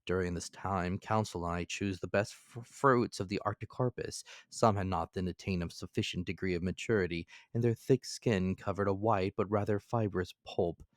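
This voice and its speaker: A low-pitched male narrator reads classic adventure fiction as a dramatic audiobook, measured and deliberate in his delivery. The sound is clean studio quality with no echo.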